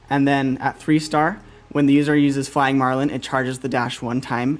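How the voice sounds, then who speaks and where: Guy hosting a game showcase stream, chatty and upbeat, keeps cracking up, ums a lot. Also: mid-range voice. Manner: upbeat, laughs easily, many fillers. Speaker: livestream host. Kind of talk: casual game showcase livestream.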